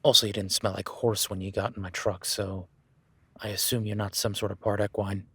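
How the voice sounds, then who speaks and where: A man voicing an easygoing cowboy rancher talks fairly quickly in a lowish, slightly rough, level tone, with no echo. Addressing the listener in a first-person audio roleplay, he teasingly appraises a new ranch hand. He's laid-back throughout and speaks gently to his horse.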